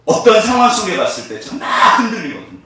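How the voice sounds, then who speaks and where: Animated male pastor preaching in an echoey church. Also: high voice, fast. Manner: animated, asks the congregation questions. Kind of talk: sermon. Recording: echoey room from far off.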